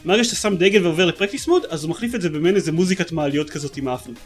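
A man's voice: a little high, soft background music. A man co-hosting a casual gaming podcast, talking eagerly and rambling with many fillers. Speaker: podcast co-host.

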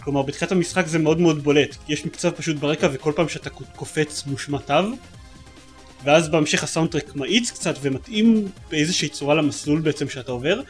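A man's voice: a little high, soft background music. A man co-hosting a casual gaming podcast, talking eagerly and rambling with many fillers. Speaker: podcast co-host.

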